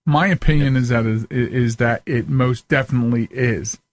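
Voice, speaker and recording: A man in his forties from the Philadelphia area of the United States hosts a casual, jokey interview, chatting with his guest. His voice is mid-range and his pace moderate, captured in a dry recording.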